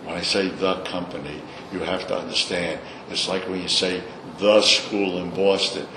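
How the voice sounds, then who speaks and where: A man's voice: low voice, flat delivery, moderate pace. Blunt older man, Brooklyn accent, echoey room. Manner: blunt, salty, opinionated. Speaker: interviewee. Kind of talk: informal storytelling in a recorded interview. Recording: echoey room, clear background noise.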